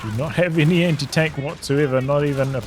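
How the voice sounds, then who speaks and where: A man giving relaxed, analytical play-by-play commentary on a strategy game replay, thinking aloud as the match unfolds. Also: on the high side, fast, slight background noise. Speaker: game caster. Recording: game battle sounds over the voice. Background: game gunfire and artillery.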